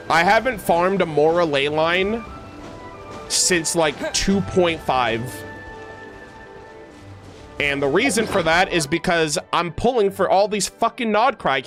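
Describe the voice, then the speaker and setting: Faint music plays behind a man with a high voice who talks slowly as he streams a game. His casual chat with viewers rambles, is full of slang and self-corrections, and breaks into lively asides.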